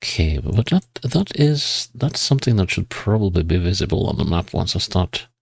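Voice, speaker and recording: A man giving casual gameplay commentary, musing to himself and reading signs and place names aloud in a husky voice. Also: deep voice, very animated, moderate pace, no echo. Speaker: GeoGuessr player.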